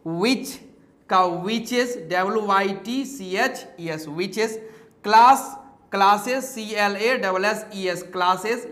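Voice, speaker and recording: A man's voice: sits high, pushed and bright. Echoey male teacher spelling words aloud. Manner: spells words letter by letter, asks questions and answers them himself. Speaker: English teacher. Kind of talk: classroom-style lesson. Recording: echoey room.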